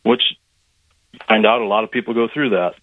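A male guest author calling in on a phone line that breaks up and cuts out, speaking in halting, trailing fragments. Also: lowish voice, steady tone, no room sound. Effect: phone line breaking up and cutting out. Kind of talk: casual call-in chat. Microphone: phone call. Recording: tinny dry phone line.

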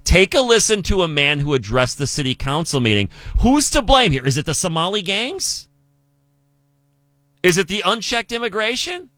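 A man's voice: high voice, sing-song, moderate pace, a bit bright, dry recording. A man from the United States hosting a political commentary show, talking emphatically and asking rhetorical questions.

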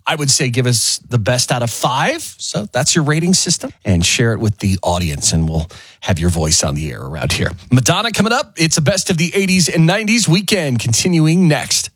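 Smooth, husky radio host man. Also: moderate pace, no room sound. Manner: upbeat, easy on-air delivery with lively swings in pitch.

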